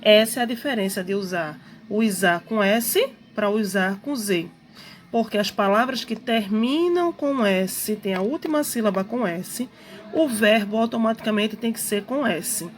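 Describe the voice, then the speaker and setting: A woman's voice: mid-range voice, expressive, unhurried, slight background noise. A woman teacher, patiently explaining a grammar lesson, repeating points and checking that students follow.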